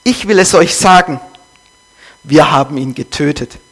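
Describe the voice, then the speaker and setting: A man's voice: fairly high pitch, normal speed, a bit bright, husky. A man voicing a frantic madman who cries out over a lost god, in an intense run of rhetorical questions. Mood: anguished, declaiming.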